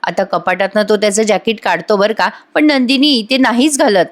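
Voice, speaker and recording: A woman's voice: medium pitch, moderate pace. A woman narrating a voice-over recap of a TV serial episode in a chatty storytelling manner, talking to her listeners.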